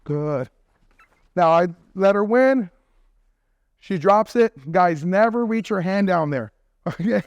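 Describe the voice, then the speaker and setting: A man's voice: high-pitched, a little slow, dry recording, highs cut off. A man, a dog trainer, explaining step by step how to teach a dog to bark on command, checking in with viewers as he works with his dog. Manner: upbeat coaching talk, often checks in with "right?" and "okay?"; praises and commands the dog mid-session. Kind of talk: instructional training video.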